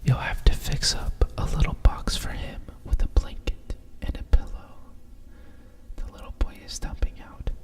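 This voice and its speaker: A storyteller whispers a bedtime picture book softly and soothingly, right in the listener's ear, in an unhurried ASMR style. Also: far from the mic. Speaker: storyteller reading a picture book aloud with asides.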